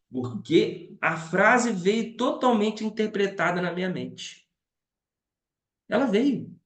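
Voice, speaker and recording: A man's voice: sits high, sing-song, takes it slowly, fairly bright tone. A man, a pastor, telling stories as he teaches a missions class, chatty and often asking his listeners questions. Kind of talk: storytelling lesson. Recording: roomy echo.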